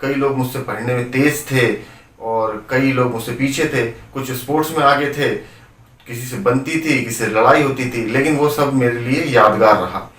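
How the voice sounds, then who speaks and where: A man's voice: mid-range voice, normal speed, fairly bright tone, close to an everyday voice. A man voicing a troubled, desperate man who speaks in an earnest, pleading way while telling a story. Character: troubled, desperate middle-aged man in depression. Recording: roomy, distant from the mic.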